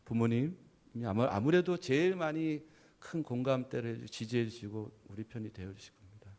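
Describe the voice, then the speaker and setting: A middle-aged man, a pastor, giving a conversational sermon. He tells stories, keeps adding "yes", and swings between loud emphasis and soft, trailing phrases. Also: mid-range voice. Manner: conversational storytelling with frequent "예" affirmations.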